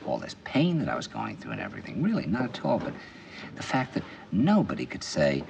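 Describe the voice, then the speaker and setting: A man's voice: sits low, wildly swooping pitch, a little fast, vocal fry, noisy background, exaggerated voice. An actor playing an intense middle-aged man confiding over dinner in earnest, probing film dialogue. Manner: earnest, probing, builds to emphatic bursts.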